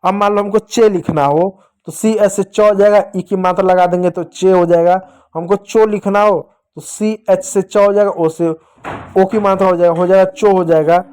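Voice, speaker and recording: A man's voice: sits high, fairly even intonation, moderate pace, darkish tone, clear, resonant tone. A man teaching young children step by step, patiently repeating each point and asking questions that he answers himself. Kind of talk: classroom lesson for young children.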